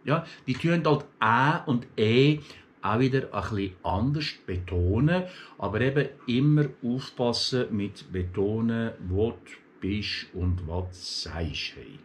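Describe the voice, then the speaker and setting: A man's voice: medium pitch, lively intonation, slow pace, a little hiss or hum. Chatty Swiss German man rambling. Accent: Swiss German, Aargau. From Switzerland, grew up in Aargau. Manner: chatty, storytelling, many fillers and restarts, mimics other dialects. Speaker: vlogger. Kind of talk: casual rambling monologue.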